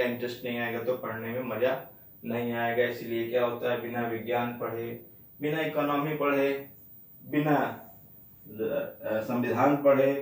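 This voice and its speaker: A male teacher giving an exam-prep lecture who repeats key words and asks himself questions, then answers them. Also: medium pitch. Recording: echoey room, mic at a distance.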